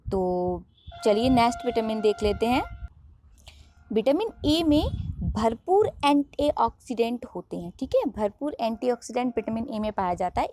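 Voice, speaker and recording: A woman's voice: on the high side, warm tone, dry recording. A woman teaching a biology lesson online, who asks questions and answers them herself.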